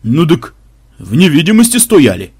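Man doing a gruff deacon, grumbling, blunt, husky, dry close sound, lively pitch. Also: moderate pace, no room sound, exaggerated voice. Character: gruff, touchy male deacon, leader of priests.

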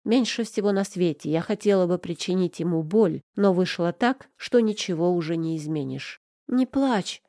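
A woman's voice: on the low side, moderate pace, hardly any pauses, mellow, dry recording, clean studio sound. A woman narrating a first-person audiobook with emotional, tearful delivery.

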